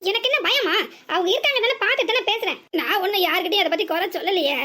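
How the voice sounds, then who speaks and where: A woman's voice: extremely high pitch, racing, pushed and bright. A woman voicing a quarrelsome young village wife in a cartoon, with a southern Tamil accent and sarcastic retorts. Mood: defiant. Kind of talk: cartoon voice acting.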